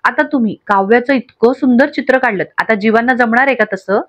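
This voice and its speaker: A woman voicing a gentle, caring young wife who speaks in a soft, soothing way. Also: on the high side, a little fast, muffled recording, close to an everyday voice. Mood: kind.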